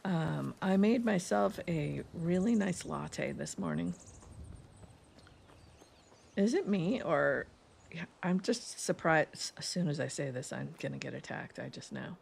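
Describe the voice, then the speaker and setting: A woman's voice: sits low, expressive, a little slow, vocal fry, darkish tone, slight background noise. A woman with an East Coast accent, streaming a game and chatting in a rambling, laughing way while reading chat aloud. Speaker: gaming streamer. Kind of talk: casual let's-play chat.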